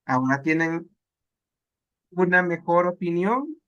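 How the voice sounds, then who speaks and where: A patient male teacher with a Salvadoran accent leads a class. His voice sits high for a man, and he talks at an unhurried pace. He says each practice word aloud several times over. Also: lively intonation, fairly bright tone, lo-fi sound. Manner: slow, patient, repeats words aloud for drilling. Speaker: language teacher. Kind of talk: live class instruction.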